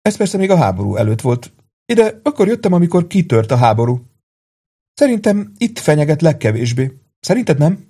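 A calm, wistful older gentleman speaks softly and sadly. A man reading an audiobook voices him. His pitch is lifted from the reader's own low register. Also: breathy edge, exaggerated voice. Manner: soft-spoken and wistful.

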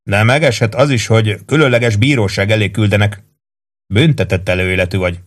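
A man's voice: on the low side, fairly even intonation, close to an everyday voice. A man reading the lines of a blunt, mocking male army first sergeant in a novel.

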